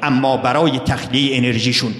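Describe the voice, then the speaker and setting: A man's voice: medium pitch, fairly even intonation, fairly bright tone. A man giving a sermon who answers his own rhetorical questions and calls his listeners brothers and sisters. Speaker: religious speaker. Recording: echoey hall with long reverb.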